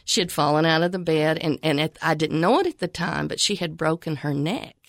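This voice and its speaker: An older woman from Tennessee with a Southern accent, telling stories as a guest in a casual interview, animated and warm. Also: deep voice, fairly quick, no room sound, clean studio sound. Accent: Southern American. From Tennessee, USA. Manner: lively storyteller, animated and warm. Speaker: guest, pregnancy clinic director.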